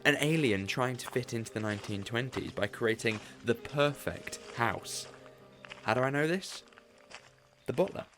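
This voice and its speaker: A man voicing an eccentric alien time-traveling detective in an audio drama, witty and showy. His pitch sits in a middle register. He unspools his deductions with theatrical relish. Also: a bit bright, faint music behind, natural voice. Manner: theatrical, quick-witted, fond of grand explanations. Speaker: lead character. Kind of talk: fan audio drama acting.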